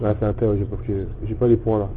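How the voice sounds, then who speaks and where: A man teaching a language lesson, explaining patiently step by step and repeating words slowly for his student. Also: on the low side, little pitch movement. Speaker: Arabic teacher. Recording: tinny phone-like sound with faint noise.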